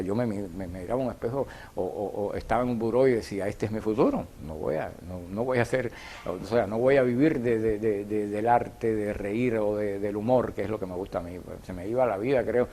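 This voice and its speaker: Cuban guy in his 60s chatting in an interview, mid pitch, lots of restarts. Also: a little mellow. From Cuba. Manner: rambling, many restarts and fillers. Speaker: comic actor guest. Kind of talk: conversational interview.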